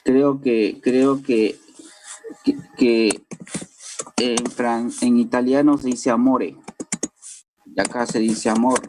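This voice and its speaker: A man's voice: medium pitch, steady tone, takes it slowly, long pauses, darkish tone, poor audio. A male language teacher with a Peruvian Spanish accent, lecturing a class in an explanatory way and checking in with students through tag questions. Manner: explanatory, tags sentences with "¿no?" and addresses students directly.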